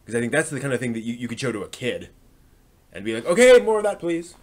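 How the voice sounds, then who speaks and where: This man talks fast in a medium-pitched, sing-song voice while hosting a live stream. His talk to viewers is casual and unscripted, and he often thinks aloud in a hesitant, rambling way.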